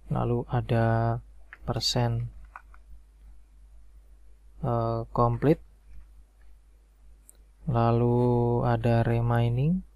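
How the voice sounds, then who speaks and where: A man calmly walking through a spreadsheet tutorial step by step, with frequent "nah" and "oke" fillers. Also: medium pitch, gravelly. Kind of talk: screen-recorded software tutorial.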